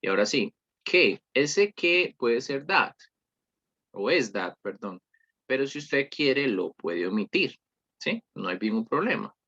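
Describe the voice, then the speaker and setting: A man's voice: mid-range voice, very animated, slow, sharp tone, slightly rough, dull audio. A man reviewing an English workshop, patiently explaining and often correcting himself. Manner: patient, repeats "¿listo?" often; corrects himself mid-sentence. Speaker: English teacher. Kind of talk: screen-recorded lesson review.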